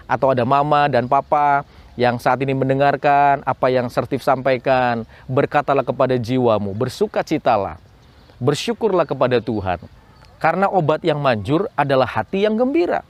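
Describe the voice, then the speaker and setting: A man giving a morning devotion to schoolchildren, repeating lines and asking rhetorical questions. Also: medium pitch. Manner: repetitive, rhetorical questions, preachy. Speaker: school chaplain. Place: cool outdoor spot.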